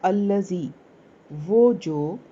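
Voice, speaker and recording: Slow, low-voiced woman teacher. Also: mellow, slightly rough, muffled recording. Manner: slow, repeats each word and its meaning. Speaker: Quran teacher. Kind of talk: word-by-word translation lesson.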